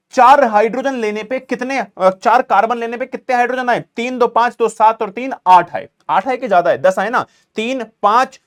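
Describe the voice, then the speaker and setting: Guy teacher, high voice, chatty revision class, keeps repeating stuff while writing. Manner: repeats phrases while writing, asks and answers own questions; calls students "bhai", casual. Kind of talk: exam revision lesson.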